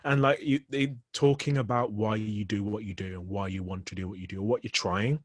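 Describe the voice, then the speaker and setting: A man's voice: fairly low pitch, steady tone, brisk, no echo, clean studio sound. A young man with a light Birmingham accent, chatting casually as a poet guest. He laughs often and talks loosely, with many restarts. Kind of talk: casual conversation.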